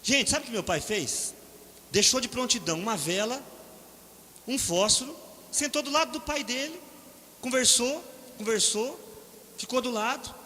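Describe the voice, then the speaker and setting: Brazilian man, preacher, high voice, chatty sermon with anecdotes, long hall reverb. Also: lively intonation, normal speed, long pauses, sharp tone. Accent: Brazilian Portuguese. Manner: conversational, frequent "né?" tag questions; acts out quoted voices in storytelling. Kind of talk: sermon with personal stories. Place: church hall. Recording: reverberant hall, faint ambient noise.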